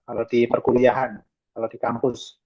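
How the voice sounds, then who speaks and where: A man's voice: mid-range voice, monotone, moderate pace, no echo. A man mentoring an online class, asking probing questions while his voice breaks up over a choppy video call connection. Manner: probing questions, thinking aloud. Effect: choppy breaking-up video call audio. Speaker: mentor giving feedback. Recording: dull lo-fi video call line.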